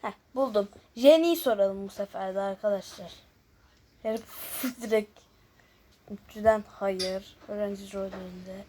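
A medium-pitched woman speaking at a measured pace hosts a gaming video, casually chatting through a guessing game. Her muttered asides, often close to whispers, give way to louder chatty remarks to viewers. Background noise with clicking is noticeable.

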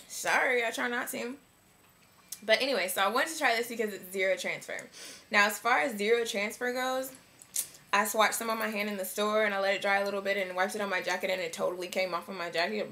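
A woman's voice: mid-range voice, fairly bright tone. A young woman talking through a casual makeup review in a chatty, rambling way, full of likes and ums. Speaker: beauty vlogger.

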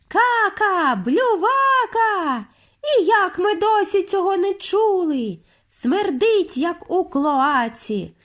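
A woman's voice: very high-pitched, voice pushed up, heavily acted. A woman doing screeching frenzied witches. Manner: screeching, squealing in disgust. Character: crowd of frenzied female witches.

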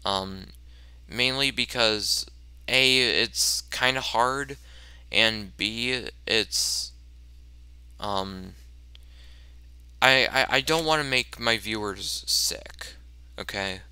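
A man's voice: on the low side, very slow, long pauses, smooth, no room sound. A man giving casual, self-mocking commentary over a video game, stammering and restarting often. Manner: excited yelps during tense moments. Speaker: let's play commentator.

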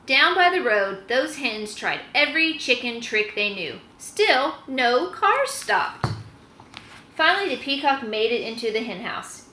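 Sing-song and sharp, her on-the-high-side voice moves at a measured pace as she reads a story to kids and tells them what to do. She's in her thirties, recording on a laptop in a small indoor room at home, with roomy, faintly noisy webcam audio.

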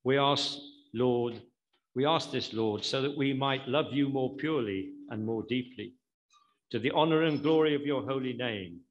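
A man leading a communion service, speaking in a measured, solemn and reverent way into a pulpit microphone. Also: medium pitch, highs cut off. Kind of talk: liturgical prayer and service instructions.

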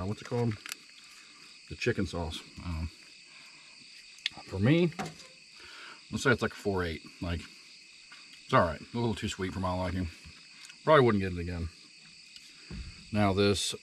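Laid-back deep-voiced man by a campfire. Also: slight background noise. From West Virginia. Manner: laid-back, rambling, talks straight to viewers. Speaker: outdoor vlogger. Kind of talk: casual camping vlog. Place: outdoors at night by a campfire on a dried lakebed.

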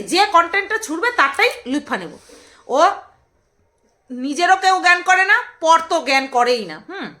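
A woman's voice: sits high, bright, forceful tone. A woman vlogger, ranting in scornful, mocking commentary full of rhetorical jabs.

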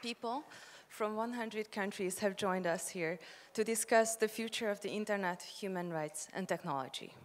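Woman in a big hall. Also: medium pitch. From Hungary. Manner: measured, reading from notes. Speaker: conference opening speaker. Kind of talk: prepared speech. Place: large conference hall, on stage. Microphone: handheld. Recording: long hall reverb.

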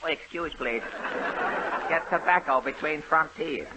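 A man with a voice on the high side delivers Longpan, the pompous, bumbling detective who talks in pidgin, in a lightly acted, unhurried way. It's a 1930s radio comedy heard through an old, noisy broadcast, and he chuckles at his own puns between clipped, broken sentences.

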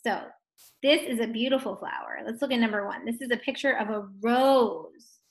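A young woman teaching a first grade phonics lesson online, encouraging and stretching words out slowly. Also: a little high. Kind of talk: distance learning phonics lesson.

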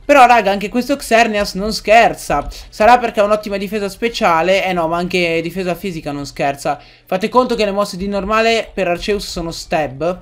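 A young man giving casual commentary while playing a game, excitable and quick to yell and swear at it. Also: sits high. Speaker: gaming let's-player.

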